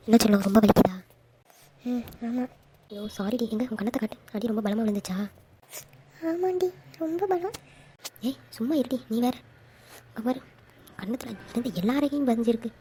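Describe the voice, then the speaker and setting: A woman telling an audio story, acting out lively dialogue among several characters. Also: on the high side, slight background noise. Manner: animated, switching between characters. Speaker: storyteller voicing all roles.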